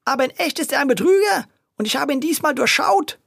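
A shrill, hot-tempered greengrocer. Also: animated, fast, gravelly, dry recording, clean studio sound, full character voice. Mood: agitated ranting. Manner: shrill, shouting and ranting. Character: hot-tempered middle-aged male greengrocer. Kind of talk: children's audio story.

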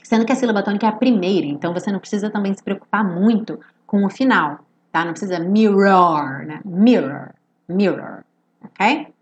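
A woman's voice: mid-range voice, muffled recording. A woman who speaks Portuguese as her first language, teaching English pronunciation through song lyrics. She draws out each sung phrase and checks in with the learner often. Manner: slow, drawn-out modelling of English phrases between quick explanations; frequent tag checks like tá and ok.

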